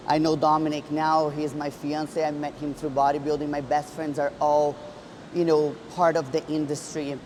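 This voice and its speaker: A woman's voice: low-pitched, darkish tone, slight background noise, rough recording. A woman in her thirties, a bodybuilder and coach, telling her story in an earnest, reflective way with many restarts. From Brazil. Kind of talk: personal storytelling vlog.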